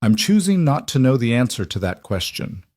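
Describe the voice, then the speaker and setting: A man doing Ethan, a calm protective dad. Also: medium pitch, normal speed, dry recording, clean studio sound, pitched above the performer's own voice, lightly acted. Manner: calm, steady, firm.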